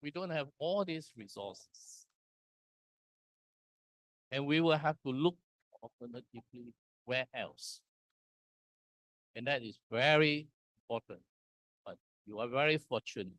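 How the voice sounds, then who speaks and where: A man from Singapore giving a conference presentation, walking through slides in slow, deliberate short phrases. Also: medium pitch, fairly bright tone, dry recording. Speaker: conference speaker. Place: conference hall.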